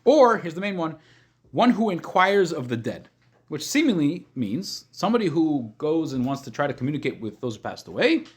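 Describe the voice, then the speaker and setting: A man teaching an informal religious class as a rabbi, reading texts and explaining them step by step, often rephrasing as he goes, in a slightly husky voice. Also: fairly high pitch, big pitch swings. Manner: explanatory, repeats and rephrases points, halting at times.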